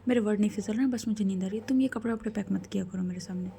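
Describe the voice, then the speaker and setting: A woman storyteller voicing a young woman boss who snaps irritably, then pleads softly. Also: mid-range voice, racing, gravelly, a little hiss or hum, natural voice. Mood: irritable.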